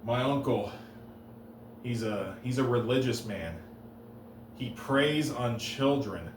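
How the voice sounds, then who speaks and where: Heard from a distance in a roomy live room, a male comic tosses out flat, deadpan one-liners at a middle pitch. He halts, restarts and stumbles slightly before every punchline, with faint room noise in the background.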